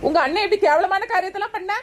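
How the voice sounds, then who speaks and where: A woman's voice: very high voice, rapid-fire. A woman acting in a comedy sketch, indignant and scolding.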